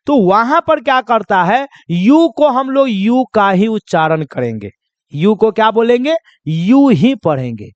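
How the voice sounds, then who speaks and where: In a dry, dull-sounding recording, a man with a high, sing-song voice teaches pronunciation to a class. He asks a question, supplies the answer, goes over key points again, and slowly spells out words.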